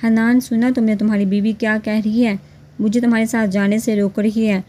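A woman's voice: a little high, little pitch movement, fairly quick, dark tone, lightly acted. A woman voicing a jealous, spoiled young woman in a spoken romance storybook, haughty and scolding. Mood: angry, sulky.

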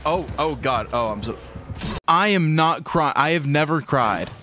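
Young male streamer, lively high-leaning voice, excitable play-by-play over game music. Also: unhurried. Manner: excitable, swings from mumbling to yelling. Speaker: gaming streamer. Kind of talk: live game stream commentary.

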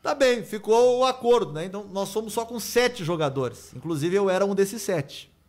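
A man from Rio do Sul, telling an animated story on a radio sports show and tagging his sentences with "né?". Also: high voice, normal speed. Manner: animated anecdote-telling with frequent "né?" tags. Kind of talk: casual studio storytelling. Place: radio studio.

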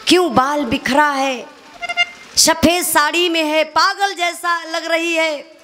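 High-voiced woman storyteller. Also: slow pace, sharp tone. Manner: addresses listeners as brother. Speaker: folk storyteller singer. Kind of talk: dramatic folk ballad narration.

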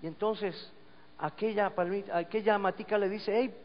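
A man's voice: high-pitched, fairly even intonation, normal speed, a little hiss or hum. A man preaching a sermon, telling stories and reading scripture with rising emphasis. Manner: storytelling, swelling to emphatic reading. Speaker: pastor. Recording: dull lo-fi church recording with long reverb.

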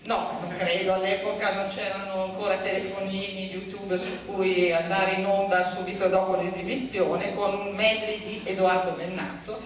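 A woman in her fifties, a city culture councillor, giving an earnest speech on a theater stage into a handheld microphone, with frequent pauses and hesitations. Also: mid-range voice, level tone, slight background noise. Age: 50s. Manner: earnest, measured, with many hesitations. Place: large theater hall, on stage before an audience. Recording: echoey hall, voice from a distance.

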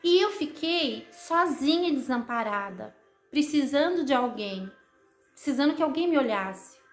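A woman's voice: sits high, animated, measured pace. A woman voicing a lonely, earnest five-year-old girl in a spoken story. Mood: wistful. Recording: echoey room with faint music.

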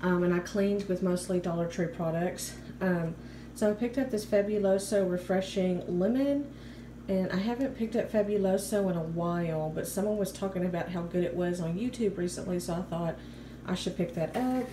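A woman's voice: fairly low pitch, normal speed, warm tone. An American woman in her thirties narrating a haul in a chatty, informal way, as a vlogger on a handheld phone. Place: home kitchen, indoors. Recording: clear background room noise.

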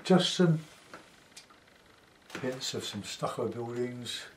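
A man in his sixties with a South London accent, giving an unhurried, casual commentary as he demonstrates painting, pausing and half talking to himself. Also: mid-range voice, animated, a little hiss or hum. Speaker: painting tutor. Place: small cluttered home studio, indoors.

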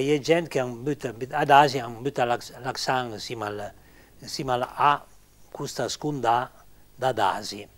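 Slow, halting man teaching grammar. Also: medium pitch. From Argentina. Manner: halting, searching for words, many fillers; slow, deliberate, repeating words. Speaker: language teacher. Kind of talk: informal grammar lesson.

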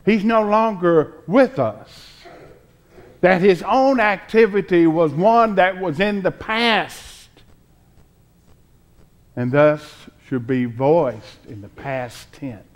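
A pastor in his sixties or older preaches an Easter sermon from the pulpit of a church sanctuary, with the choir behind him. His voice sits high, and he speaks slowly and deliberately, emphatic and pausing between phrases.

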